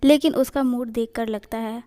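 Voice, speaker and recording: A woman's voice: a little high, steady tone, normal speed, warm tone, lightly acted. A woman voicing a young husband who talks possessively and firmly, in a storybook reading. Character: young man, anxious, devoted husband.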